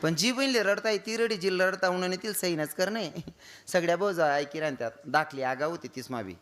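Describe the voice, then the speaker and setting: With slight noise in the background, a kirtan preacher talks a little fast in a high, fairly bright voice. His stage sermon is comic and devotional, told through stories in which he mimics women's wailing voices.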